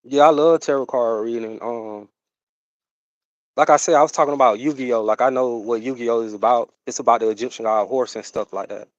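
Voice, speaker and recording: A man's voice: mid-range voice, fairly even intonation, dry recording, highs cut off. A man, chatting casually on his livestream in a rambling way, full of fillers. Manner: rambling, drawn-out, full of fillers and "you know what I'm saying". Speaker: livestream host.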